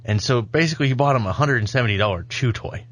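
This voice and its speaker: Rambling and self-mocking, this man hosts a laid-back podcast from a studio, joking freely. His medium-pitched voice has a fairly bright tone and moves at a quick pace.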